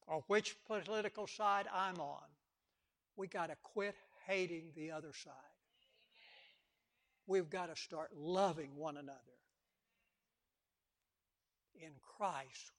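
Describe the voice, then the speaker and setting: A high-pitched, bright-toned male preacher delivering an impassioned sermon. He repeats words for emphasis and acts out the quotes he tells. His voice sounds sharp and forceful. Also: gravelly.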